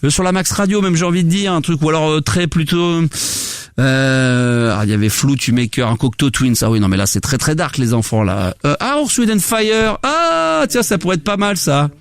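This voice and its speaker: A man's voice: a little high, lively intonation, moderate pace, smooth, dry recording. A man hosting a free-form radio show from a studio, talking in a rambling, hesitant, chatty way with casual swearing. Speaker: radio host.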